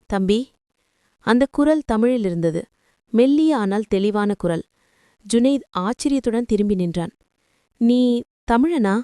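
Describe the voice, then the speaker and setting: A woman narrating a story in a calm, measured, emotive reading. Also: mid-range voice, smooth, dry recording, studio quality. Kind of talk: scripted narration.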